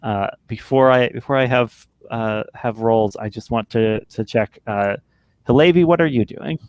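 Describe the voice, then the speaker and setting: A man narrating a tabletop role-playing game as game master, halting and often repeating words as he goes. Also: mid-range voice, a little mellow, a little hiss or hum.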